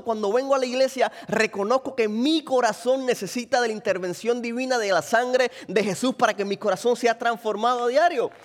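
High-voiced preacher man in a reverberant church. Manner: preaching with acted quotes and rhetorical questions. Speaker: pastor. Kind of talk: sermon.

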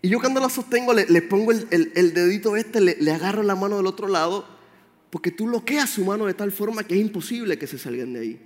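Man, preacher, high pitched, animated, long hall reverb. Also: quick pace. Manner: animated, addresses the congregation directly. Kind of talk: sermon. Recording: roomy hall with faint music.

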